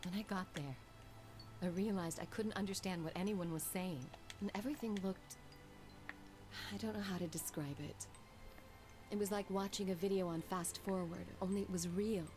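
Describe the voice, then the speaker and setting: An actress voicing a frightened young woman in a video game, quietly recalling her ordeal in a halting, confessional way. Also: on the low side, natural voice. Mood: somber. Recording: game audio with music underneath. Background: music box melody.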